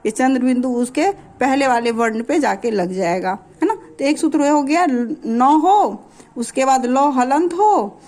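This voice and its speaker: High-voiced woman teaching grammar patiently. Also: expressive, unhurried, darkish tone. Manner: patient, repeats "है ना" to check understanding. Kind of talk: classroom lesson explaining examples.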